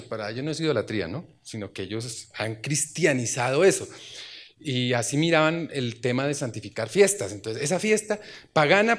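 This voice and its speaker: A man with a fairly high-pitched voice preaches a sermon in church, chatting with the congregation, posing rhetorical questions and bursting into loud exclamations.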